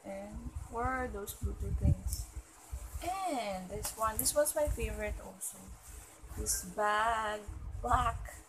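A woman's voice: medium pitch, background noise. A young adult woman with a Filipino accent, chatting casually as a vlogger in a haul video, recorded in a small room at home. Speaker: vlogger showing shopping haul.

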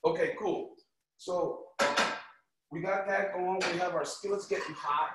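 His voice is high and steady, his delivery unhurried, as he hosts a laid-back cooking class. He's chatty and cheerful, encouraging people and checking in with "right?" and "okay?" during demonstrations, recorded in an echoey space with background noise.

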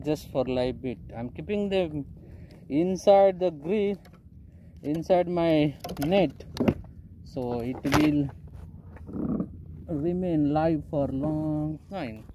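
Slow-talking man vlogging from a fishing boat. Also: fairly high pitch, background noise. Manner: chatty, addresses viewers as guys, simple phrasing. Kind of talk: casual narration while fishing. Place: outdoors on a small boat at sea. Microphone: phone held at arm's length.

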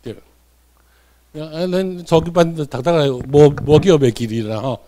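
A man's voice: fairly high pitch, lively intonation, normal speed, mellow. A man from Tainan, Taiwan, with a Taiwanese accent, giving a classroom lecture. He repeats key points and keeps checking in with his students.

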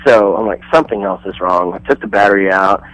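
Male musician phoning in to a radio show, deeper voice, dry phone sound, loose rambling storyteller. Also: quick pace, fairly bright tone, dry recording, faint music behind, rough recording. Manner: rambling storyteller acting out quoted people. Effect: over the phone. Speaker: touring musician guest. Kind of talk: casual radio phone interview.

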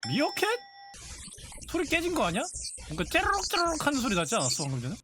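A woman's voice: high voice, wildly swooping pitch, fast talker, background noise. A woman streamer chatting casually and playfully, exclaiming and guessing aloud. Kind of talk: casual live-stream chat.

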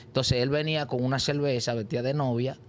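A man's voice: steady tone, fast, slight background noise. A man telling his life story in an interview, acting out the voices of the people in it. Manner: acts out voices in his story with sudden high cries. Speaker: interview guest. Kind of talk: animated personal testimony.

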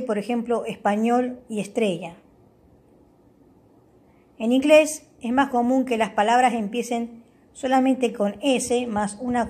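Husky-voiced woman explaining an app. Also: on the high side, a little mellow. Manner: explanatory, often checks in with "¿ok?"; reads English words aloud for the viewer. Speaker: tutorial host. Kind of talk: app walkthrough tutorial.

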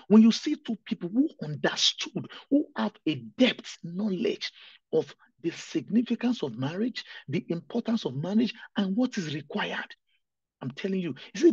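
A man's voice: high voice, a little mellow, husky, dry recording, highs cut off. Young male pastor, earnest pleading sermon, dry close sound.

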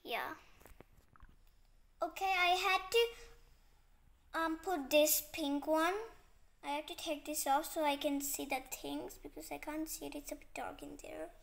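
A woman chatting casually as a vlogger, talking in a sleepy way and often dropping to a hushed near-whisper. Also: sits high, steady tone, creaky. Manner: slow and sleepy. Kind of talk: casual vlog narration.

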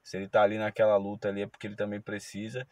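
A man, a driver telling a story in a casual vlog, moralizing and slow. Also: on the low side, monotone, darkish tone, no echo, dull audio. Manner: moralizing, preachy, slow and drawn out. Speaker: ride-hailing driver.

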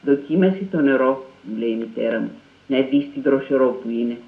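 A man calmly reading a first-person literary passage. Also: mid-range voice. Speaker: reader. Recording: tinny phone-like and echoey.

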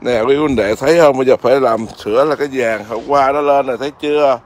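A man's voice: medium pitch, quick pace, slight background noise. A man, a Buddhist monk, chatting casually outdoors in his garden and keeps asking his viewers whether they see. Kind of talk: casual home vlog.

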